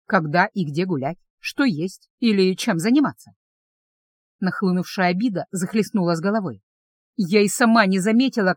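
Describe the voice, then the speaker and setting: A woman reads a first-person fantasy novel aloud with lively, expressive delivery. Her pitch moves a great deal as she tells the story. The recording is close and dry, with no room sound. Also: no echo. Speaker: audiobook narrator.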